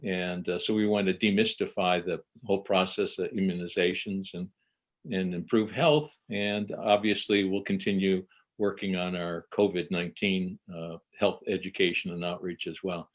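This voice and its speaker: Low-voiced hesitant man. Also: little pitch movement, moderate pace. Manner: hesitant, many filler words. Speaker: co-host. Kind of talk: casual chat.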